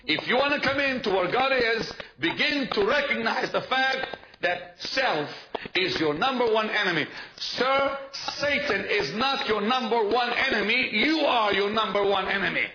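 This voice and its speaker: Man, preacher, high voice, emphatic sermon, dull muffled audio, noisy hiss. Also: lively intonation, normal speed. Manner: emphatic, repeats key points, asks the congregation to respond.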